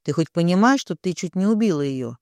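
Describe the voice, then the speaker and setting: A man voicing a stern, coldly furious man who speaks with low, controlled menace in an audiobook. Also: expressive, a little fast, no echo.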